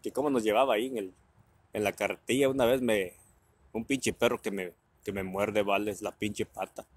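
A man's voice: lowish voice, steady tone, moderate pace, breathy edge, no room sound. A man from Guerrero with a Mexican Spanish accent, telling family anecdotes in a casual way with crude slang and frequent laughs. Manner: laughing often, crude slang, acts out voices. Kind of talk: casual storytelling.

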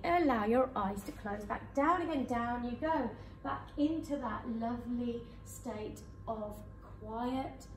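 A woman hypnotherapist leading a guided hypnosis session for a live audience in a conference room, speaking in slow soothing suggestions. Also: fairly high pitch, slight background noise. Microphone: far camera. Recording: echoey room from far off.

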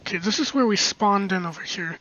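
Brisk and sharp-toned, a mid-range-voiced commentator rambles casually through a let's-play while exploring, hiccuping, giggling, and muttering asides under their breath. The slightly dull lo-fi audio has a little hiss or hum.

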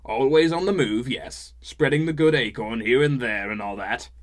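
A man's voice: medium pitch, normal speed, close to an everyday voice. A man voicing a cheerful male dwarf who talks in an eager, slightly hesitant way.

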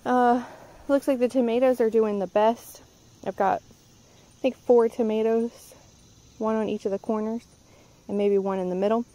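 A gardening vlogger gives a casual, rambling tour of her garden outdoors, chatting away with frequent ums while filming on a handheld phone camera. Her voice is slightly high and mellow, with a steady tone and moderate pace. The recording quality is low.

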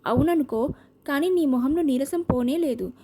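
A frank, practical young woman friend in an audio novel, read by a woman. She talks in a matter-of-fact way. The voice is high and dark-toned. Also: moderate pace.

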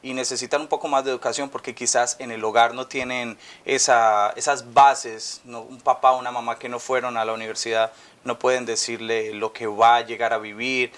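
Male TV host, 30s, upbeat and welcoming, mid-pitched voice, lapel mic. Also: little pitch movement, brisk, fairly bright tone. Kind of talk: TV interview hosting. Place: office, indoors.

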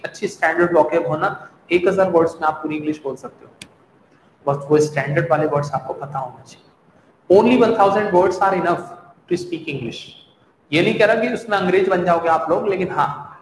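A man's voice: sits high, slight background noise. A young man teaching a spoken-English class with a Hindi accent, chatty and reassuring, drilling pronunciation by having students repeat words. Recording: echoey room with long reverb.

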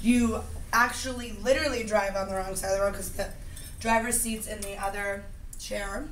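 A woman's voice: medium pitch, fairly even intonation, normal speed. A tipsy American woman with a wry, jokey manner, chatting casually for a vlog while walking outdoors in a city. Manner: wry and jokey, with loud whoops. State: drunk. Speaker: vlog co-host. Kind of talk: casual travel vlog chat. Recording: street noise behind.

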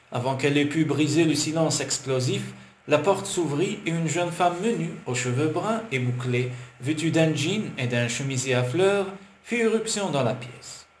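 A man narrating a romance audiobook in an even, measured storytelling manner. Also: on the high side. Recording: roomy with faint hiss.

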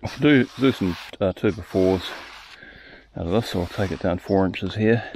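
A man casually explaining his work at an outdoor sawmill yard, recorded on a head-mounted camera, relaxed and thinking aloud. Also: low voice, moderate pace, noisy background. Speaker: sawmill operator. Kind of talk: casual first-person narration. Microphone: head-mounted action camera.

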